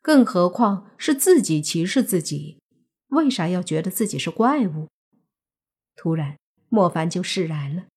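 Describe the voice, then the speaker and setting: A woman narrating a serialized novel in steady storytelling. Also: fairly low pitch, measured pace, breathy edge. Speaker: audiobook narrator.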